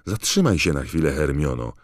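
A man voicing a calm, wary teenage schoolboy who asks level questions. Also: a bass voice, brisk, dry recording, clean studio sound.

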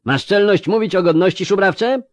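A man's voice: high-pitched, normal speed, no room sound, voice pushed up, lightly acted. Betrayed elf officer screaming in rage, voiced by a male narrator. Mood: furious. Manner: screaming accusations.

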